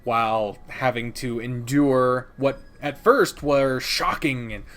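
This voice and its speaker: Counting down video games in a partly scripted review, this channel host rambles loosely, swears without restraint, and pushes strong opinions. He speaks slowly in a medium pitch with a fairly bright tone.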